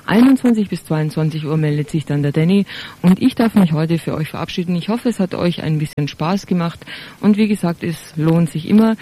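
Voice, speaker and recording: A woman's voice: low voice, mellow. A woman presenting live radio in a chatty, informal way, speaking directly to her listeners. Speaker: radio host. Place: radio studio.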